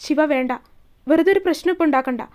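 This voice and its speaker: A timid young woman, soft and hesitant, holding back her sadness, as a woman reads her lines. The voice sits high and light. She speaks in short, faltering phrases. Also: quick pace, close to an everyday voice. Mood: subdued.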